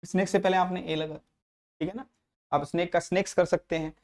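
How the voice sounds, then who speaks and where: A male teacher gives a classroom lecture on English grammar, going over each example again and often tacking on tag questions to check in. He speaks at normal speed in a high, steady voice with a darkish tone.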